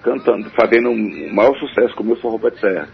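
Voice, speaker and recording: Faint music plays under a dull radio broadcast where a forró singer from Northeast Brazil is interviewed. He answers quickly in a lowish voice with vocal fry, rambling and hesitating, his replies full of fillers.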